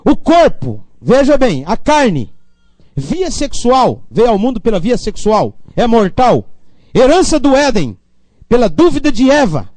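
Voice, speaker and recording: A man from Brazil preaching a sermon as a pastor, calling for amens and swinging between low asides and loud appeals. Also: sing-song, takes it slowly, dry recording.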